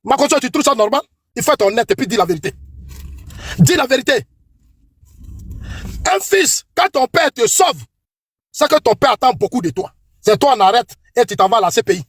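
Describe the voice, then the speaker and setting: A middle-aged political commentator with an Ivorian French accent delivers a heated, combative tirade, accusing others and repeating himself for emphasis. His husky voice sits very high for a man, swings widely in pitch, runs a little fast with long pauses, and sounds a bit bright. The recording is dry and close, with no echo.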